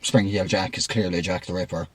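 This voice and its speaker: A man co-hosting a casual podcast, throwing in dry quick jokes and asides. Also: low voice, fairly even intonation, over a noisy crowd. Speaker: podcast co-host. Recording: set back from the mic.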